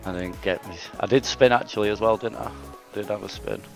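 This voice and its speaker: A man's voice: fairly low pitch, steady tone, brisk, creaky, soft background music. A man from Oldham with a northern English accent, a racing driver chatting casually after a race, plain-spoken and self-deprecating, laughing easily. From Oldham, northern England. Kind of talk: casual post-race interview.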